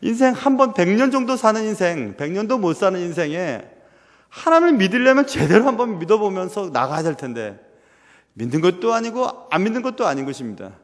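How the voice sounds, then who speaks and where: Young male pastor, high lively voice, earnest sermon delivery in a reverberant church. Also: brisk. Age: young adult. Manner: earnest, rhetorical questions, drops to a hush at times. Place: church sanctuary. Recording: long reverb of a church hall.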